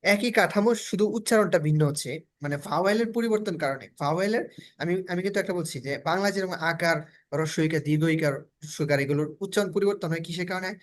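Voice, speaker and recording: A man's voice: sits high, fast. A Bangladeshi man whose first language is Bengali, teaching a step-by-step phonics lesson, drilling letter sounds and checking in with students often. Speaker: spoken English teacher.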